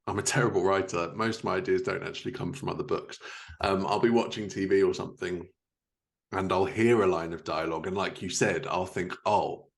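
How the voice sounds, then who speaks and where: A podcast host with a deep, creaky voice talks casually and conversationally with a guest in an easygoing interview chat.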